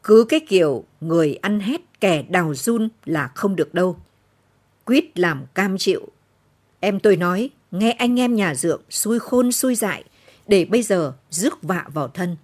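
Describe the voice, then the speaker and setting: A woman voicing a fierce, combative older peasant woman who scolds in shrill, loud outbursts. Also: expressive, moderate pace. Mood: scolding.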